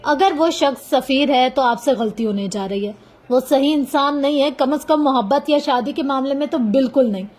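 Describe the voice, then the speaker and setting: Storybook lead: gentle persuasive young male officer, read by a woman, high voice. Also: normal speed, natural voice. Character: earnest young man, police officer, calm and soft-spoken.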